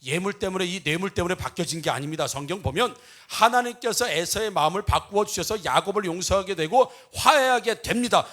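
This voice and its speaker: A man's voice: sits high, a bit bright. A male pastor giving a humorous sermon, telling a Bible story with comic asides and acting out its dialogue. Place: church.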